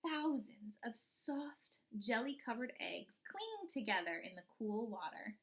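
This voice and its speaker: Her voice is a little high, sing-song and fairly bright as she expressively reads a children's picture book like a teacher. Every so often she pauses to put guiding questions to her young audience.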